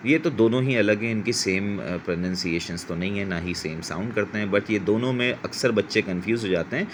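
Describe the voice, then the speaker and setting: A man's voice: fairly low pitch, fairly quick, slight background noise. A middle-aged man from Pakistan teaching English vocabulary in a patient, explanatory way, repeating words to model their pronunciation and correcting himself as he goes. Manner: corrects himself mid-sentence.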